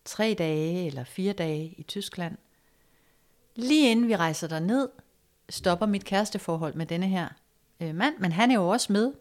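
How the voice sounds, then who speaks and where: A woman with a slightly low voice tells a personal story in a relaxed, conversational way. She is reflective and hesitant, with fillers, and sometimes drops into a soft, hushed tone. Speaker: guest telling a personal story.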